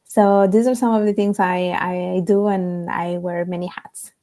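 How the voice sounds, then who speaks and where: A young adult woman from Italy, a guest telling her story in a relaxed, reflective interview. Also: on the low side, a little slow. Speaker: guest, author. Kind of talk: conversational interview.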